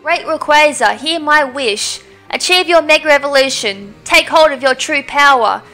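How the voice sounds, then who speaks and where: A woman's voice: high-pitched, expressive, slow, pushed and bright, soft background music, exaggerated voice. A woman reading the lines of a driven young woman who summons a dragon, in an earnest, dramatic way. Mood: solemn.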